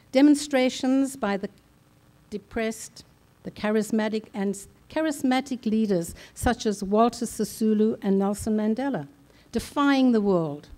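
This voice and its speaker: An older woman from South Africa speaks at a conference in a slow, deliberate way. Her voice is mellow and dark in tone. She leaves measured, solemn pauses between her phrases. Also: medium pitch. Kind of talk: slow, deliberate personal speech. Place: large conference hall.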